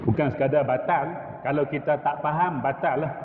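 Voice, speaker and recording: A man's voice: on the high side, normal speed, background noise. A middle-aged male religious teacher, lecturing in a mosque on correct recitation and chanting Arabic phrases as examples. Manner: demonstrates recitation, chanting Arabic phrases between plain explanation. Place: mosque hall. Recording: tinny echoey hall recording.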